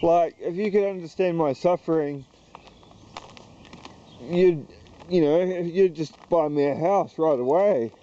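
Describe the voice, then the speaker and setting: This rambling walk-and-talk vlog features a YouTuber from New Zealand whose fairly high voice has a warm tone. He wanders around town outdoors, talking to the camera in a slow, halting, hesitant way; the recording has its highs cut off and slight background noise.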